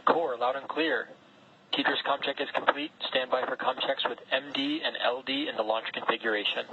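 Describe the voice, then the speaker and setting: A man's mid-pitched mission control voice on astronaut radio, making measured procedural calls. The channel is dull and clearly noisy. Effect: radio link. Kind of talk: astronaut radio communication checks. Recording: muffled radio with clear noise.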